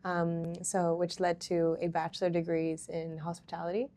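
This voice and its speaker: A young woman founder in a casual interview, relaxed and chatty, with many ums and easy laughs. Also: lowish voice, normal speed. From Hong Kong. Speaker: startup founder, interview guest.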